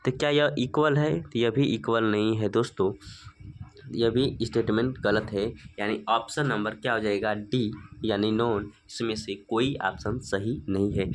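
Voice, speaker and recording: A man's voice: medium pitch, a little hiss or hum. Guy teaching maths step by step, keeps asking then answering himself. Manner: asks rhetorical questions and answers them; slow, stepwise working-through. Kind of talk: spoken maths lesson.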